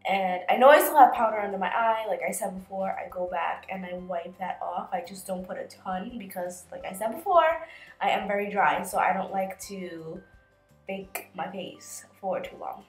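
A beauty vlogger in her twenties, nursing a cold, walks viewers through her makeup at a moderate pace and medium pitch. She speaks into a nearby camera in a small bedroom, chatty and full of fillers as she explains each step, with room echo and soft music behind.

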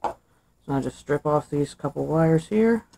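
Speaking at a measured pace, this young man has a creaky voice that sits on the high side. He's a DIY maker at a workbench indoors, relaxed and thinking aloud while he casually explains a wiring job step by step, captured by the camera's microphone.

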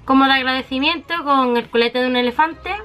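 A high-voiced woman from walks her viewers through a makeup haul, chatty and affectionate, piling on little diminutives as she shows each item. Faint music plays softly behind her. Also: brisk. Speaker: beauty vlogger.

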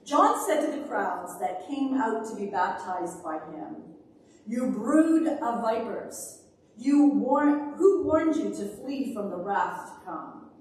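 A middle-aged woman minister reading scripture and preaching at a pulpit in a large church sanctuary, with measured, emphatic phrasing. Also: a little high, big pitch swings, darkish tone. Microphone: far camera, speaking at a pulpit. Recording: echoey church from a distance.

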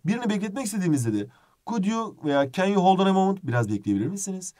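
A man teaching an English lesson for a live exam-prep stream, lively and joking, switching between Turkish and English. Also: high voice, very fast.

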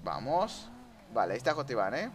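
Mexican man, young, animated gameplay commentary, lively pitch, faint noise behind. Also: fairly quick. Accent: Mexican Spanish. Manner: excitable, talks to chat and rival players. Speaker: gaming streamer.

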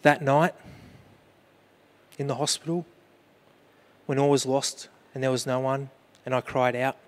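A man's voice: medium pitch, flat delivery, measured pace. Earnest male pastor preaching. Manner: earnest, asks the congregation questions; personal storytelling about grief. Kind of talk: sermon.

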